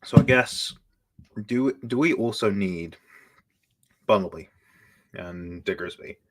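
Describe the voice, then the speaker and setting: A man's voice: low-pitched, takes it slowly, slight background noise. A man hosting a casual live stream, chatting and often restarting his sentences. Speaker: streamer host.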